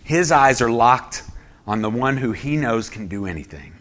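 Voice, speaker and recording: Forceful, emphatic male preacher. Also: medium pitch, expressive, normal speed. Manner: emphatic, rhetorical questions to the congregation. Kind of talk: sermon.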